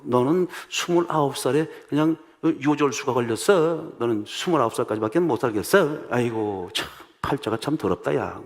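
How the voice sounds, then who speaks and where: A middle-aged man preaching a sermon as pastor, telling stories with lively acted-out voices and rhetorical questions. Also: medium pitch.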